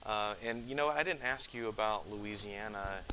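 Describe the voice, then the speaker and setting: A man's voice: lowish voice, normal speed, bright, forceful tone, a little hiss or hum, poor audio. A man from Northeast Texas hosting a casual interview, chatty and jokey, rambling a bit. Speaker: podcast host. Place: school campus room.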